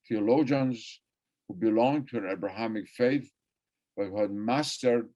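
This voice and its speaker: On a muffled, lo-fi recording, an older man whose native language is Persian gives an academic lecture in a fairly low, darkish voice. He drifts from point to point and repeats phrases for emphasis.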